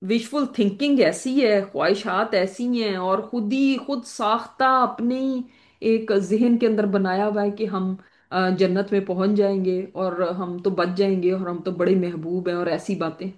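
A woman's voice: medium pitch, fairly even intonation, a little slow. A woman giving a religious lecture as a Quran teacher, explaining points through worked examples and rhetorical questions.

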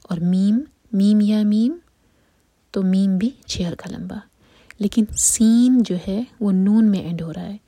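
A woman teaching Quran recitation in a steady whisper, explaining each step slowly and methodically and mixing English terms into her explanations. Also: medium pitch, no echo. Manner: whispers throughout, slow and methodical. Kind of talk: whispered tutorial.

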